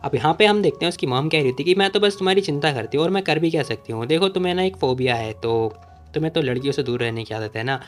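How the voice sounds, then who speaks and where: A man casually recapping a comic story, chatty and jokey, with quick asides to listeners and voices for each character. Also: fairly high pitch. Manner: chatty, jokey, keeps calling listeners brother. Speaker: manhua recap narrator.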